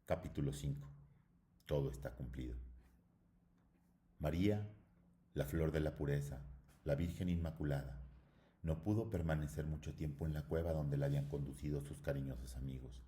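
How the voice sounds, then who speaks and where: A man reading a religious novel aloud as dramatic narration, solemn and measured. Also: very deep voice, mellow. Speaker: audiobook reader.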